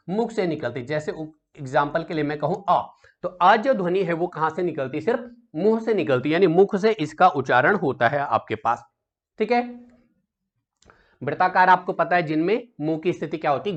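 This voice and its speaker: Higher-voiced male teacher, quizzing students. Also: a bit bright, highs cut off. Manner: asks rhetorical questions and answers them himself; keeps checking in with "theek hai" and calls students "beta". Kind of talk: exam solution lesson.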